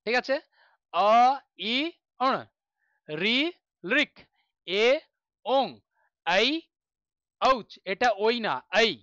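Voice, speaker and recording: Male teacher, bright and crisp, patient explainer who chants drills; dry, dull lo-fi sound. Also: sits high, drawn-out words, long pauses, dry recording. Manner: patient, reassuring, recites syllables in a chant. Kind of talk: online grammar class.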